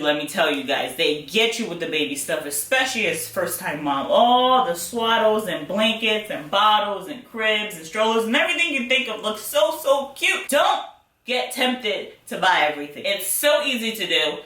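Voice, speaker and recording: Young woman chatty vlog voice, bright, echoey room, kinda far from the mic. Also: mid-range voice, expressive, normal speed. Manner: chatty, direct address with fillers and laughs. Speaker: budgeting vlogger. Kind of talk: casual talk to camera. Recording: roomy sound from a distance.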